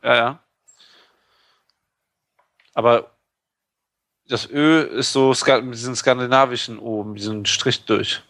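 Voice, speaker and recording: A man's voice: medium pitch, steady tone, slow, pauses often, fairly bright tone, no echo. Chatty man, dry close sound. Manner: chatty, joking, full of fillers. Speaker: podcast co-host. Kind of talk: casual chat.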